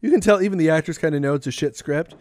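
Man, podcast co-host, high voice, rambling, joking, dry recording. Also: darkish tone, dry recording. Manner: rambling, joking, does quick impressions. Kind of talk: casual banter.

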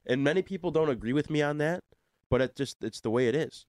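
A man's voice: a little high, fast, darkish tone, dry recording, clean studio sound. A young American man with a stuffy, plugged-nose voice hosting a casual sports talk radio show, chatty and self-deprecating. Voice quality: congested, stuffy-nosed, sounds like plugged nose. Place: radio studio. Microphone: desk studio microphone.

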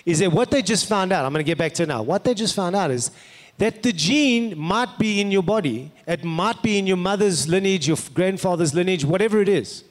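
A man's voice: high voice, animated, brisk. A man with a South African accent preaching as a pastor, conversational, telling personal stories and putting rhetorical questions to his listeners. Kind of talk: sermon with personal anecdotes. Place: large indoor hall, preaching to an audience. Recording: echoey hall with long reverb.

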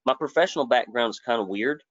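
A man's voice: medium pitch, fast talker, no room sound. A man, giving a live webinar presentation in a folksy, joking, conversational way. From Alabama, US. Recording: dry, dull lo-fi webinar audio.

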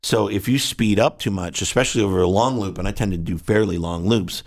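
A man's voice: on the low side, a little fast. A man who is a guest musician, explaining his pedal setup at length, rambling and technical, sometimes sounding out rhythms with syllables. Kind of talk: detailed gear explanation.

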